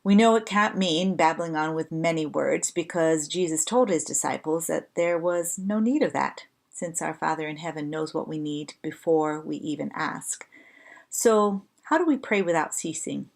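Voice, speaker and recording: Low-pitched woman guiding slow breath prayer. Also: gravelly. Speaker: prayer leader. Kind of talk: guided devotional teaching on slow breath prayer.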